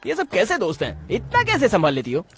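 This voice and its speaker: A brash joking sidekick. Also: male voice, sits high, wildly swooping pitch, soft background music, heavily acted. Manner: cheeky, joking, fast-talking. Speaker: hero's chatty friend. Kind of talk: Hindi film dub.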